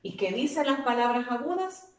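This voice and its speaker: A woman's voice: sits high, lively intonation. A woman teacher giving a spelling lesson to children, patiently drawing out and repeating words as she explains. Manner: patient, drawn-out repetition of words. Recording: echoey room.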